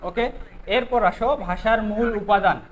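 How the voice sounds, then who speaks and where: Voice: mid-range voice, normal speed, slight background noise, rough recording. Teacher quizzing students. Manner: quizzes students, keeps asking "okay?". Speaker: grammar teacher. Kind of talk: online exam-prep lesson.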